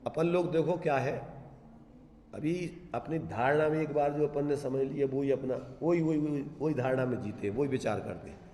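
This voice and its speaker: A man giving a Jain scripture discourse, asking his listeners rhetorical questions and slowly chanting verse lines. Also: mid-range voice, mellow. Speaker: Jain religious teacher. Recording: echoey hall.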